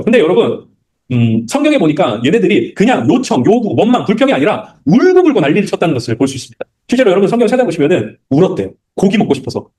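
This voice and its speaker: A man preaching at a Bible study, asking his audience many rhetorical questions and acting out quotes. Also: high-pitched. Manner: acts out quotes in lively voices. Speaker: pastor leading Bible study. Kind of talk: sermon.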